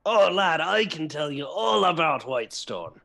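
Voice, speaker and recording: Brief: a man doing a drunken old pirate braggart, gruff slang, lively rolling delivery. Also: a little high, unhurried, pitched above the performer's own voice, full character voice. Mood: boastful. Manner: gruff sea-dog slang, calls everyone lad.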